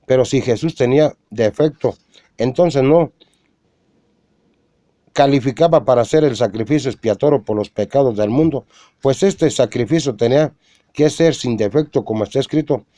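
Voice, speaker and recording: A man reading a religious argument aloud in a measured way, quoting scripture and citing chapter and verse. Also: mid-range voice, mellow, no room sound. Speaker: religious lecturer.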